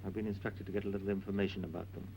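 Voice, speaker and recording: Low-voiced, courteous plainclothes investigator. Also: male voice, flat delivery, very fast, mellow, slight background noise, poor audio. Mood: courteous, frank. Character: polite, businesslike plainclothes investigator, quietly probing. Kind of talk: old film acting.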